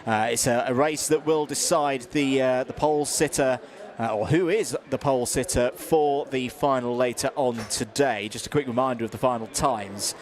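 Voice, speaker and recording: A British man calling a karting championship live. He is chatty and informal, full of fillers and restarts as he runs through the schedule. His voice sits in an ordinary middle pitch. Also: normal speed. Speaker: commentator.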